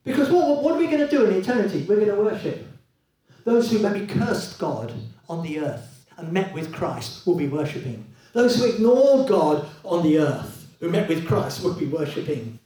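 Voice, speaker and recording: Man preaching, animated, in an echoey hall. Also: sits high, normal speed, recorded from a distance. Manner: animated, conversational preaching with rhetorical questions. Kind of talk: sermon. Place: church hall.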